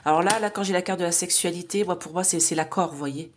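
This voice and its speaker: A woman's voice: lowish voice, fast. A woman with a nasal voice giving a casual oracle card reading to viewers, rambling with many fillers and asides, sometimes dropping to a whisper. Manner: rambling, many fillers and tag questions, drops to whispers while drawing cards. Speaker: psychic card reader.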